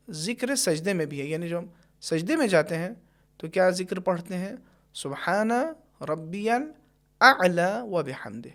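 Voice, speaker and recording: Patient man teaching Quran pronunciation. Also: sits high. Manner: patient, explains carefully, stretches words when demonstrating. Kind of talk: tajweed lesson with slow recited examples.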